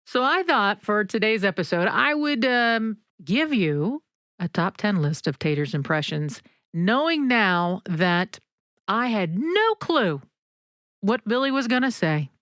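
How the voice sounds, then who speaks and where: A woman's voice: mid-range voice, sing-song, unhurried, fairly bright tone, no room sound. A woman hosting a podcast, telling stories in a chatty, folksy way with frequent laughs. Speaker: podcast host. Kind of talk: casual storytelling chat.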